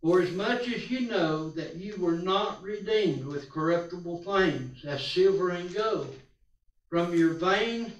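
A man preaching at a pulpit microphone, reading scripture slowly and deliberately with small stumbles. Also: sits high, dull audio. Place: church sanctuary. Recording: roomy church sound from a distance.

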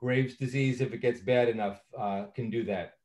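A man's voice: medium pitch, fairly even intonation, normal speed, darkish tone. Man giving a casual medical lecture. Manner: conversational, frequent uh fillers and self-corrections. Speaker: presenter. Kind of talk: recorded training lecture.

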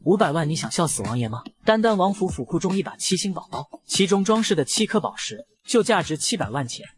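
Man doing a cunning young girl, calm and sly. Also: high-pitched, fast talker, a little hiss or hum. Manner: sly, composed. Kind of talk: comic recap voice acting.

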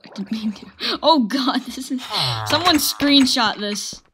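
Chatty excitable woman, fairly high voice. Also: unhurried. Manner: chatty, excitable, yelps and gasps at game events. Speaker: gaming channel host. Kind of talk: casual game commentary. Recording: noisy home recording with mouse clicks.

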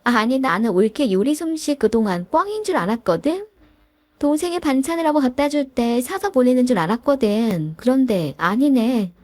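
A woman's voice: high voice, expressive, normal speed, a little mellow, dry recording, pitched above the performer's own voice. A woman voicing a pushy, presumptuous older sister-in-law who talks down to her family. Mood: bossy.

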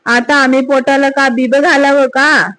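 A woman's voice: sits high, flat delivery, moderate pace, a bit bright, rough recording. A woman voicing a distraught village wife who reproaches her husband in rustic dialect. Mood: reproachful.

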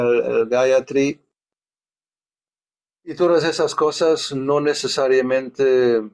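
A man's voice: mid-range voice, darkish tone. A man teaching a study class in a conversational way, thinking aloud and questioning as he goes.

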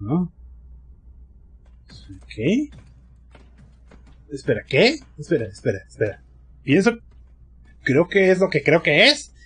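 A man streaming his live reaction, exclaiming and shouting in short bursts, out of breath. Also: on the high side, big pitch swings, normal speed, breathy edge. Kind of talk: excited live reaction commentary.

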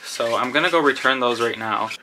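Young guy, casual vlogger, bright voice, filler-heavy chatter, near camera. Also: mid-range voice, brisk, a little hiss or hum. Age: young adult. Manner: chatty and rambling, lots of "like". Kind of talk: casual vlog chat to camera. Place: home bathroom and bedroom, also car.

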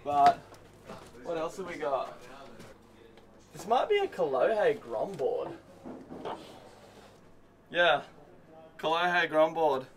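A young man guiding a tour of an indoor surfboard factory chats casually and enthusiastically, full of slang. His fairly high voice is sing-song and slow, with frequent pauses.

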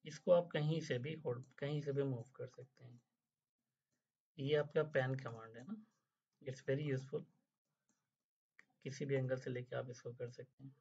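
A male drafting instructor narrates a screen-recorded software tutorial, his husky, mid-pitched voice carrying a darkish tone through a slightly dull lo-fi voice-over. He patiently explains each step in Hindi mixed with English phrases, often checking in with "theek hai?"

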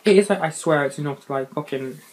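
A man's voice: a little high, quick pace, a little mellow, low-quality recording. A young man vlogging casually, swearing now and then and talking with his mouth full during an eating show. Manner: chatty, swears casually, talks while eating. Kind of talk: casual mukbang chat. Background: faint party noise.

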